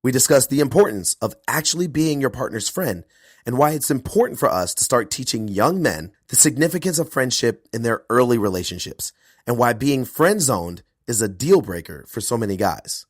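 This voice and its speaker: Guy hosting a podcast, croaky from a cold, bouncy earnest delivery, dead dry room. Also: mid-range voice, moderate pace, no echo. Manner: earnest, animated, self-promoting. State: hoarse from a cold. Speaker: podcast host and performance coach. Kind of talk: podcast intro monologue.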